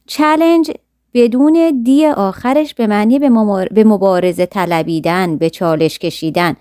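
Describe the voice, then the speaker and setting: A woman teaching a short story, reading each sentence slowly and clearly and then explaining the words quickly and casually. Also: mid-range voice, mellow, no room sound, clean studio sound. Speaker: English teacher.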